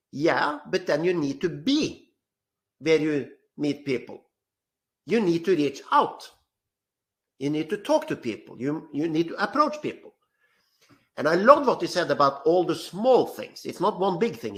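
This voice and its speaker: A man's voice: on the high side, a bit bright. A man hosting a live career webinar over a video call, enthusiastic and chatty, often repeating words as he starts a sentence. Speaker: webinar host.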